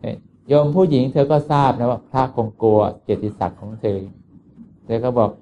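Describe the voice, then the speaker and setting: A man, a Buddhist monk, telling a moral tale in an unhurried sermon with frequent filler sounds. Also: medium pitch, warm tone, lo-fi sound, slight background noise. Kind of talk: storytelling sermon.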